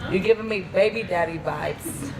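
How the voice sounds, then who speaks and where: A woman's voice: on the low side, moderate pace, creaky, a crowd in the background. A woman of forty, a dating show contestant, introducing herself casually with laughs. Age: 40s. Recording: noisy background.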